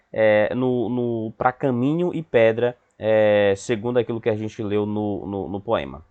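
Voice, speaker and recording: Lively Brazilian teacher explaining a lesson. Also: male voice, mid-range voice. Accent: Brazilian Portuguese. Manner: patient, explanatory, checks in with students often. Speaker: Portuguese teacher. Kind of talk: recorded remote class lesson.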